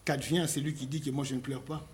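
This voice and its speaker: A man preaching a sermon, posing rhetorical questions with dramatic pauses and reading scripture aloud in a slowed, solemn cadence. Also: medium pitch, steady tone, a little mellow, slight background noise.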